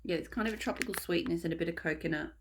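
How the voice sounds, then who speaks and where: A woman's voice: lowish voice, very fast, noisy background. A woman vlogger chatting casually and rambling a little as she reviews products, thinking aloud as she goes. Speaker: vlogger reviewing wax melts. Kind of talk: casual haul review chat.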